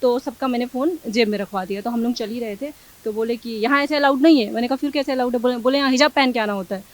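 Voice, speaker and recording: Fast-talking young woman. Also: a little high. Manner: animated, quick, acts out quoted exchanges. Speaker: interviewee. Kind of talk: news interview, recounting an incident.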